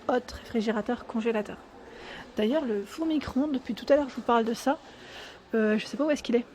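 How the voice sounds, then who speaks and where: A woman's voice: fairly high pitch, dark tone. A woman giving an enthusiastic, chatty walkthrough vlog in a furniture store showroom, often tagging "hein" and correcting herself. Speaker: YouTube vlogger.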